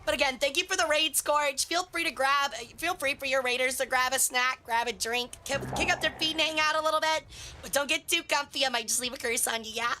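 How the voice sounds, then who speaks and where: Female game streamer and commentator, very high bright voice, cute bubbly delivery for viewers. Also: fairly even intonation, fairly quick, soft background music. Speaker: streamer hosting a tournament.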